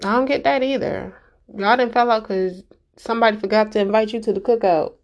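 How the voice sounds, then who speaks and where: A woman's voice: on the high side, fairly even intonation, brisk, lo-fi sound. A woman vlogger giving a casual, emphatic rant straight to her viewers, exasperated and direct.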